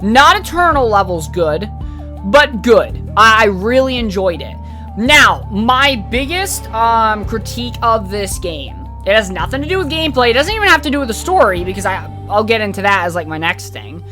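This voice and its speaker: A woman's voice: fairly high pitch, big pitch swings, moderate pace, bright, forceful tone, soft background music. A woman hosting a podcast, giving a casual, opinionated review in a rambling, candid way, with lots of fillers and some swearing. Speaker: podcast host reviewing a video game.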